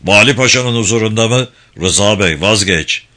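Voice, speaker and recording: A man's voice: on the low side, normal speed, pushed and bright, voice pushed down. A man voicing a hot-tempered male prison director who blusters and threatens. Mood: pleading.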